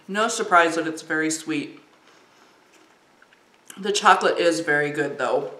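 A woman's voice: low-pitched, slow. A woman chatting casually while reviewing and tasting snacks, with lots of ums. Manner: chatty, warm, frequent ums. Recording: roomy echo.

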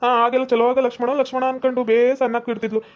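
A woman voicing a grumpy old village man with a North Karnataka accent, complaining loudly in a cartoon comedy. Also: on the high side, flat delivery, racing, lo-fi sound, natural voice. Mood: fed up. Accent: North Karnataka Kannada.

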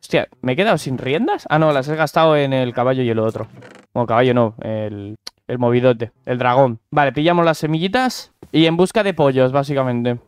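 A young gaming YouTuber with a Spain Spanish accent chats casually and jokes with viewers while playing a game, using slang and talking to viewers and animals. His medium-pitched voice is smooth and fairly quick, with no echo, in this casual gameplay commentary.

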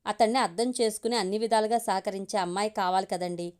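A woman voicing a tactful, witty wife who speaks softly and persuasively. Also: mid-range voice, fairly even intonation, fast talker, clean tone, lightly acted. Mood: gentle. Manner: soft, persuasive.

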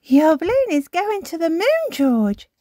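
Bossy little piggy girl, squeaky and bouncy, a lady reading her out, dry sound. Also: big pitch swings, measured pace, warm tone, no echo, heavily acted. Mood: bossy chirpy. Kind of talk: storybook read-aloud.

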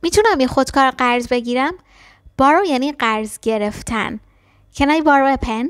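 A woman teaching a language lesson, explaining quickly and then repeating short phrases slowly and carefully. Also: high-pitched, clear, resonant tone, no room sound, clean studio sound. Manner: switches between fast explanations and slow, careful repetitions. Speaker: English teacher.

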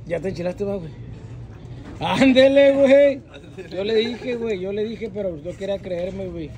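A man's voice: sits high, normal speed. A man with a Mexican accent hosting a food challenge, teasing and egging someone on in casual slang. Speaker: host filming a food challenge. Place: indoor grocery store. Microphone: phone at arm's length. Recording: busy store with crowd noise.

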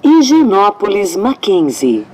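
A woman's recorded voice announcing the next stations over a subway train's loudspeaker intercom, formal and measured. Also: medium pitch, wildly swooping pitch. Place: inside a moving subway train. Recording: echoey, distant onboard loudspeaker.

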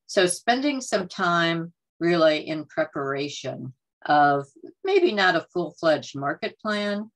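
A woman's voice: fairly low pitch, sing-song, takes it slowly, low-quality recording. A woman presenting a farmers market workshop over a video call, talking in a conversational, earnest way with many "uh"s and "um"s. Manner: frequent fillers, conversational and earnest. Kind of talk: presenting slides in a webinar. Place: home or office on a video call. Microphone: computer mic on a video call.

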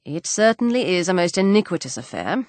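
A woman voicing a sardonic middle-aged father in an audiobook, measured and deadpan, with a stern edge. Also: lowish voice, no echo. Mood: wry.

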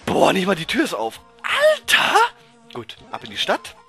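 A man narrates his own gameplay, excitable and quick to blow up at the game. His voice sits high and lively, with a bright edge to it. Soft game music plays faintly behind him. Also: gravelly. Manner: excitable, frequent frustrated outbursts and swearing. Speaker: let's player. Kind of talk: blind let's play commentary.

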